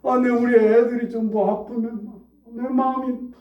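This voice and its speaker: A pastor in his forties preaching a conversational sermon in a church, swinging between hushed asides and loud, high outbursts. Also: fairly even intonation, normal speed. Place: church sanctuary. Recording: roomy, distant, dull church recording.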